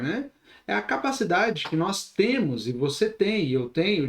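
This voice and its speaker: Brazilian male instructor, higher voice, animated, talks with his hands; roomy echo. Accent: Brazilian Portuguese. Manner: expressive, gestures while talking. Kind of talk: recorded online class.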